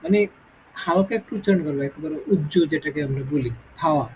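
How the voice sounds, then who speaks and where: Male tutor, high voice, slow and patient, checks understanding often, faint background noise. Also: a little mellow, poor audio. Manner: explains slowly, with many check-ins to the student. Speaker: English teacher. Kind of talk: informal spoken lesson.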